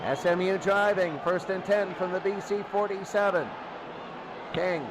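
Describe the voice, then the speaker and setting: High-pitched and unhurried, with fairly even intonation, this male play-by-play announcer gives excited live American football radio commentary. His calls come in short, clipped phrases, often repeated, over a loud crowd roar and heavy noise.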